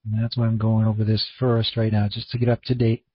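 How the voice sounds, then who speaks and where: Male conference-call host, Maine accent, husky voice, laid-back rambling delivery, dull lo-fi recording. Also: on the low side, monotone, fairly quick. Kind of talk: casual, rambling online presentation. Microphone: online conference room call. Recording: dull, muffled lo-fi audio.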